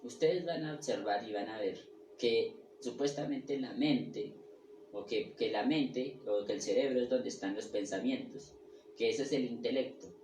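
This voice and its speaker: A man's voice: mid-range voice, darkish tone, slight background noise. Guy giving a spiritual talk, keeps checking in with the room, stops and restarts a lot, echoey and kinda far from the mic. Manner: checks in often with a questioning "sí?"; halting, with restarts and repeated words. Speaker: spiritual teacher. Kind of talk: lecture on the ego and personality.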